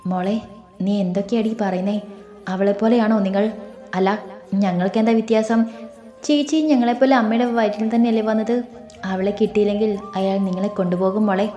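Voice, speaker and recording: A woman's voice: medium pitch, fairly even intonation, brisk, mellow, natural voice. A woman voicing a bitter middle-aged mother who scolds and laments, recorded in a roomy space with faint music. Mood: pleading. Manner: reproachful, lamenting.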